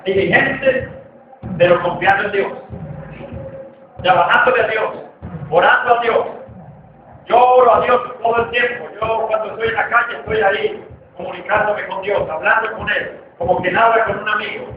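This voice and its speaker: High-voiced pastor preaching in an echoey hall. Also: male voice, moderate pace. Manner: fervent preaching, often shouting. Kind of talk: sermon. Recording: distant echoey church hall, lo-fi, noisy.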